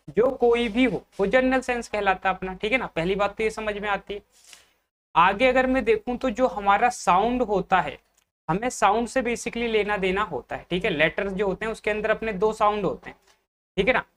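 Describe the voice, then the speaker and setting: An English grammar teacher with a high, fairly bright voice delivers an exam-prep grammar lecture. He keeps checking in with his students, calling them brother, and poses questions only to answer them himself.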